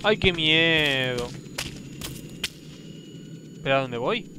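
A man's voice: on the high side, expressive, very slow, background noise. A man streaming a horror game live, thinking aloud, easily startled and yelping at scares. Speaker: livestreaming gamer.

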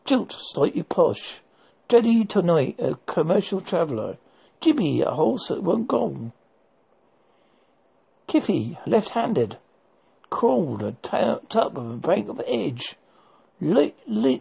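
A very husky voice with an old West Country accent from Devon, speaking folksy dialect. The delivery is slow and halting, like reading from a list, with pitch that swings up and down between words and meanings. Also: dark tone.

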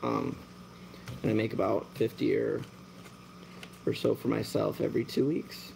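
A relaxed man in his thirties, born in Germany and raised American, runs a casual livestream Q&A from his dim shop at night, where he breeds mantises. His gravelly, low-key voice rambles at a moderate pace with many fillers as he works, over a faint room hum on a low-quality recording.

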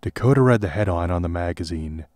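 Deep deadpan male narrator. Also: quick pace, no room sound. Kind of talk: audiobook narration.

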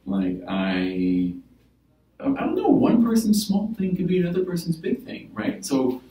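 Male therapist in a role-play demo, patient explainer, warm low tone, roomy room mic from afar. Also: wildly swooping pitch, measured pace. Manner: explaining gently with many "right?" and "like" fillers. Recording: roomy, from a distance.

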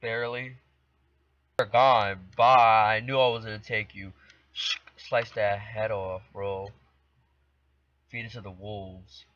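A teen boy with a lowish male voice commentates a video game for his gaming channel from his bedroom, playfully trash-talking the competition in let's play style. His delivery is flat and a little slow, and the home recording sounds dull, lo-fi, and dry.

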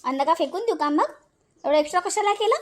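A woman voicing a bold, sharp-tongued young daughter-in-law in a cartoon, taunting and defiant. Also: very high-pitched, expressive, quick pace, a little hiss or hum. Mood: scolding.

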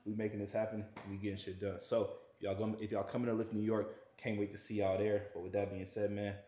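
A young man who makes fitness vlogs cooks in a big home kitchen, talking casually to camera with plenty of slang and a laid-back air. His lowish voice is warm and level, delivered at a quick pace. The recording picks up kitchen echo plus a little hiss or hum.

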